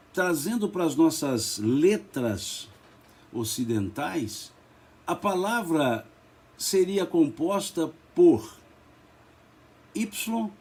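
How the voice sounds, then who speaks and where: Brazilian man leading a spiritist study; slow, emphatic delivery, husky, with a lively pitch. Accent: Brazilian Portuguese. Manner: slow and emphatic, spells out letters, repeats words. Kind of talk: religious study talk.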